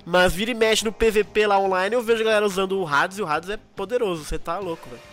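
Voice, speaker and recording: A young man with a Brazilian accent chats casually on a podcast. He speaks rapidly in a fairly high voice, with plenty of slang and enthusiasm, over faint music. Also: fairly even intonation, a bit bright. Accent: Brazilian Portuguese. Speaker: podcast co-host. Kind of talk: casual chat.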